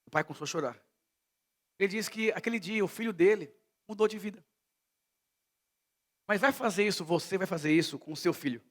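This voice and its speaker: Brazilian preacher man, hushed to loud. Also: high-pitched. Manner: storytelling preacher, swings between hushed and loud. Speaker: pastor. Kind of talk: sermon. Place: church service.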